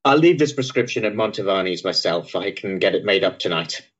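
In a period stage drama, a male actor with a deep, animated voice plays a Victorian doctor who is dry and jovial. His manner is brisk and teasing, and the audio sounds dull.

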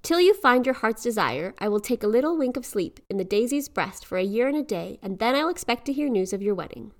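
A woman's voice: a little high, expressive, fairly quick. Woman voicing a sly mocking fly. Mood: mock-solemn.

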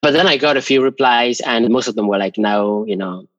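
A man from Cameroon, a guest in a podcast interview, answering in a relaxed, thoughtful way with small pauses. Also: mid-range voice, no echo. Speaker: guest, foundation founder. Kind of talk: conversational interview. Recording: dull dry sound.

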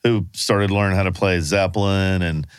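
A man talking as a guest in a relaxed, hesitant way. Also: sits low, normal speed, noisy background. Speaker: musician guest. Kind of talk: casual interview.

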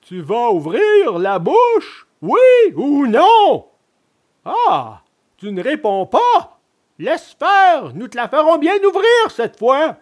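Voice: high-pitched, wildly swooping pitch, takes it slowly, voice pushed up, exaggerated voice. A storybook reader voicing a pair of cruel male assassins, threatening and mocking their victim. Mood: menacing. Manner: threatening, sneering.

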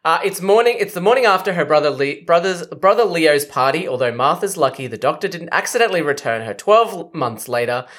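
A woman's voice: deep voice, lively intonation, a little fast, few pauses. A woman co-hosting a podcast, recapping the episode in a dry, wry way and laughing easily. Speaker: podcast co-host. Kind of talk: casual chat and episode recap.

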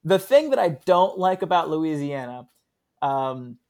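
A man's voice: on the high side, a little slow. Guy comedian chatting on an interview, laughs a lot, loose rambling stories. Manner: laughs often, relaxed storytelling with fillers. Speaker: guest, sketch comedian. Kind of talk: casual interview chat.

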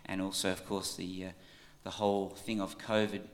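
An Australian man giving an informal church tribute in a halting, conversational way, often checking in with his listeners. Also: low voice, little pitch movement, noisy background.

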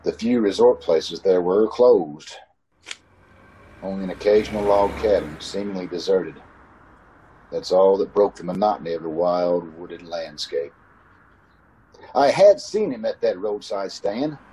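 In an old-time radio suspense drama recorded over a video call, a man with a low, warm voice plays a haunted, uneasy motorist narrating his ordeal. His narration broods with dread at a measured pace with frequent pauses and lively intonation, while his dialogue turns hesitant and stammering. The audio is poor, with clear background noise.

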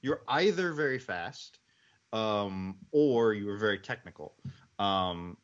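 A man on a sports podcast panel speaks in a slightly low voice. The audio is a little dull and lo-fi. His delivery is casual and conversational. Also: lively intonation, takes it slowly.

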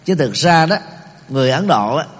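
A middle-aged man giving a Buddhist teaching talk, explaining terms step by step, pausing often and using many fillers. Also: a little high, animated, husky. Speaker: Buddhist lecturer. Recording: long reverb of a large hall.

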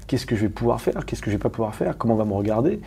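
A man from Paris, a guest talking candidly in an interview, rapid and emphatic with many restarts and questions to the listener. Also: medium pitch, lively intonation, creaky, mellow, slightly rough. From Paris, France.

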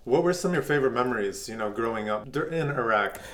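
A man hosting an interview, asking questions in a relaxed, conversational way. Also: medium pitch, quick pace. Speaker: podcast host.

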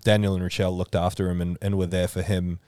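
A man's voice: low-pitched, quick pace, clear, resonant tone, dry recording, clean studio sound. A man hosting a podcast, chatting casually with many fillers. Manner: relaxed, explains at length with many fillers. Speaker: podcast host, powerlifting organiser. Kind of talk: casual chat.

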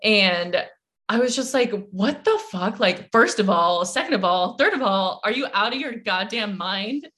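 A woman's voice: mid-range voice, animated, measured pace, a bit bright. A woman, telling a story in casual chat as a podcast co-host, full of fillers and swearing.

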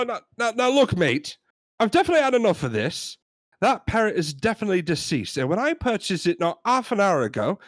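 A shrill, indignant British customer in an amateur comedy sketch, played by a man over a voice chat, pitched high and pushing his voice loud. He sounds thoroughly fed up, and the recording is dry. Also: dry recording. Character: indignant English male customer with a dead parrot.

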